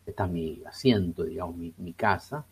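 A man's voice: low voice, slightly rough. A Chilean man in his sixties, a priest speaking as a guest in a radio interview, hesitant and full of fillers. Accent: Chilean Spanish. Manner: slow and hesitant, many fillers.

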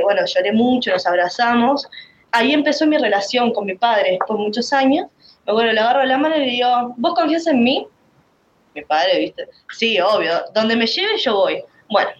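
Rioplatense woman, kinda high voice, emotional rambly faith testimony, muffled lo-fi audio. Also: a little hiss or hum. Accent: Rioplatense Spanish. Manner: emotional, rambling storytelling with many restarts. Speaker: speaker giving a testimony.

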